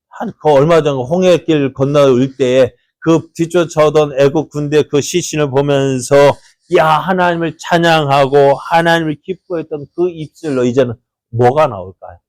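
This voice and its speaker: A man's voice: a little high, unhurried, no echo. A man pastor preaching a sermon in a church, asking the congregation questions and acting out voices from the story. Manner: animated preaching with rhetorical questions and acted-out quotes.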